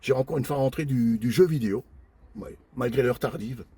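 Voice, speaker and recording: An older man in a casual show-and-tell vlog, calmly listing his flea-market finds one by one with many pauses and fillers, and chatting warmly with his viewers. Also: medium pitch, slightly rough. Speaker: flea-market collector vlogger.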